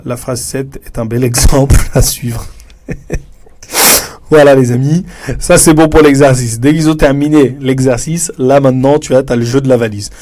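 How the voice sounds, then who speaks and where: A man's voice: mid-range voice, dark tone. A man walking fellow teachers through classroom materials in a casual, chatty way, often addressing the listener informally. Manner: chatty, addresses viewer informally, many fillers. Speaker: French teacher trainer.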